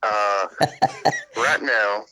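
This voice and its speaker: A man's voice: on the low side, drawn-out words, bright, forceful tone, a little hiss or hum. A man calling in on a speakerphone, chatting casually in a hesitant, laid-back way. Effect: heard through a speakerphone. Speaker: son calling in by phone. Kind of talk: casual phone chat.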